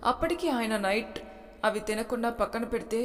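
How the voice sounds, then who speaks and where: A woman's voice: on the high side, expressive, moderate pace, natural voice. Woman reading a fiery, naive young wife, storybook voice, echo of a hall. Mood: anxious. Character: young wife, hot-tempered yet innocent, tearful.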